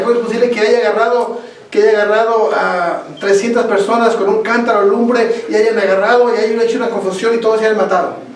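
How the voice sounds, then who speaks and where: A male pastor teaching a Bible study, halting and repeating words, asking his listeners questions as he goes. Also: sits high. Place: church. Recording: echoey church hall, distant mic.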